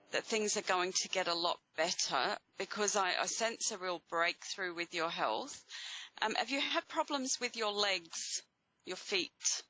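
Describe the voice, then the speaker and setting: Bright-voiced Australian woman, reassuring spiritual reader. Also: fairly low pitch, dry recording, lo-fi sound. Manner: reassuring, encouraging. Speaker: host giving live psychic readings to callers. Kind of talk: spiritual guidance talk to audience and caller.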